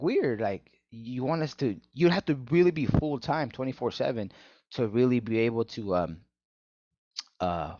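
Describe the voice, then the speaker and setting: A man in casual podcast chat, telling animated stories about his old church and saying "bro" a lot. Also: medium pitch, no room sound, lo-fi sound. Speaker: former church member, co-host.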